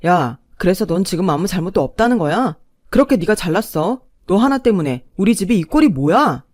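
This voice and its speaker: A woman's voice: fairly low pitch, sing-song, fairly quick, a little mellow, dry recording. A woman voicing a petulant, entitled young husband who blames his wife, recorded close and dry. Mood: blaming. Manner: blaming, whining.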